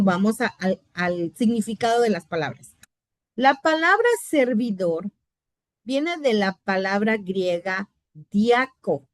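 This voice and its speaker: A woman's voice: fairly high pitch, no echo, clean studio sound. A middle-aged woman teaching a Bible institute class, explaining terms step by step and often checking in with her students. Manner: explanatory, asks "¿verdad?" often.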